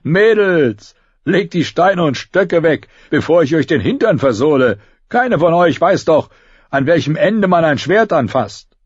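A man voicing a large, cocky thug with a broken nose in an audiobook, taunting loudly. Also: high voice, lively intonation, a little slow, no echo, dull audio, voice pushed up, heavily acted. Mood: jeering. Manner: loud mocking taunts.

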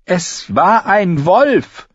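A man voicing a stubborn, fierce young girl in an audiobook, with sharp, insistent outbursts. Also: mid-range voice, huge pitch swings, moderate pace, slightly rough, no room sound, muffled recording, pitched above the performer's own voice. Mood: urgent.

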